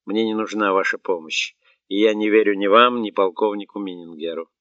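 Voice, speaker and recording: Man voicing stubborn young woman cadet, curt and defiant, low voice, muffled dull sound. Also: brisk, sharp tone, no echo, exaggerated voice. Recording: dull, muffled audiobook recording.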